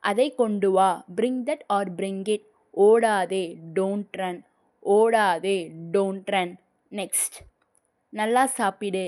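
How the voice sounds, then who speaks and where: Young woman teaching english, super slow and careful, says every phrase twice. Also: mid-range voice, fairly even intonation, a little mellow, clean tone. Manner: slow, deliberate, repeats each phrase twice. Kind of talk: slow language lesson with repeated phrases.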